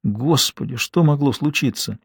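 Dry, expressive male audiobook narrator. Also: mid-range voice, moderate pace, slightly rough, no room sound. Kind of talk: dramatic novel reading.

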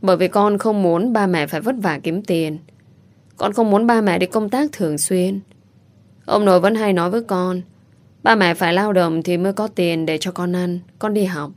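A woman's voice: lowish voice, normal speed, lightly acted. A woman voicing a sweet, clever little boy who talks in eager, childlike questions.

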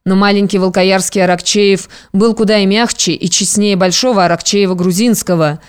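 An audiobook narrator reading a classic novel in an even, measured storytelling manner. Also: mid-range voice, clear, resonant tone.

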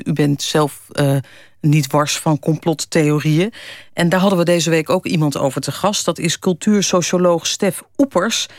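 A man's voice: a little high, dry recording, studio quality. A male radio host asking a guest polite, probing questions. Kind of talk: radio interview.

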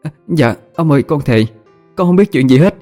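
A man's voice: fairly high pitch, animated, normal speed, warm tone, faint music behind, voice pushed up, close to an everyday voice. A man voicing a frightened young female servant who begs and stammers in a storytelling reading. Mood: pleading desperate. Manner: tearful begging, stammering.

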